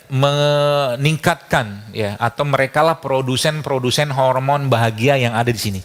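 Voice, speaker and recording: A man giving a casual talk full of anecdotes. He chuckles often and acts out the dialogue he quotes. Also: medium pitch.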